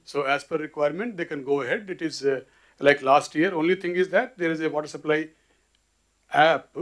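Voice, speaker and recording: A man's voice: on the high side, fairly quick, a bit bright. A man with an Indian English accent giving a formal briefing to officials, hesitant with many fillers, often addressing the chair as sir. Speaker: government official presenting to collectors.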